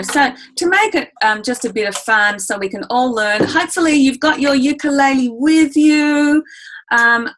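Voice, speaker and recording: A woman's voice: on the high side, a bit bright, poor audio. Upbeat woman teaching ukulele. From Australia. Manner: enthusiastic, chatty, addresses listeners as "guys"; demonstrates on the ukulele while talking. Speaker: music educator. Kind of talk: webinar teaching.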